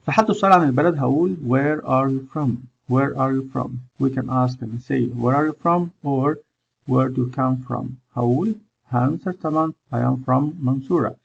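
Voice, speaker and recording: A man's voice: mid-range voice, vocal fry, lo-fi sound, a little hiss or hum. A man with an Egyptian accent, teaching an English lesson over slides. He switches between English and Arabic and stops often with "uh" to think. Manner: explains in English and Egyptian Arabic by turns, with many "uh" pauses.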